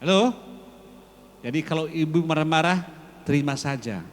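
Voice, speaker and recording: Male worship leader, slightly high voice, slow and coaxing, church hall reverb. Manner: coaxing, repeats phrases slowly for emphasis, calls out to the men. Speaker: worship leader addressing the congregation. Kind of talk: lively sermon-style exhortation.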